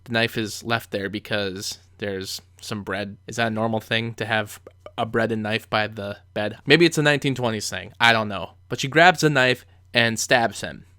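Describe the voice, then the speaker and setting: A man's voice: fairly low pitch, moderate pace, pushed and bright, no echo, studio quality. A man giving conversational film commentary as a reviewer, telling the story with emphatic asides.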